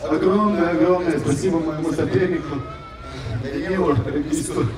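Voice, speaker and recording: A young man, a fighter, giving a halting, earnest unscripted speech into a handheld microphone outdoors. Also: a little high, steady tone. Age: young adult. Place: outdoor ring among crowd. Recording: echoing PA, distant, loud crowd.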